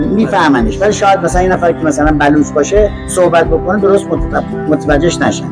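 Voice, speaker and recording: An older man speaking as a guest on an interview podcast, in a fairly high voice. He lectures didactically and keeps checking that the listener is following, with music playing behind him. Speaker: guest, language teacher.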